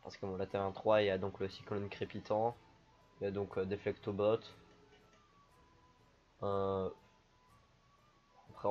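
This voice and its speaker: A man with a low voice casually commentating his own card game as he plays. He rambles in an even, flat tone, dropping plenty of fillers between thoughts. The sound is a little dull and lo-fi. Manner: relaxed, rambling, many fillers. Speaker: streamer.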